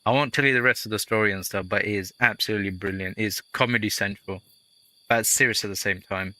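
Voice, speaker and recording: A man's voice: on the low side, steady tone, fast, bright, forceful tone, no room sound. A man hosting a let's play, giving casual gameplay commentary that rambles into chatty, jokey storytelling.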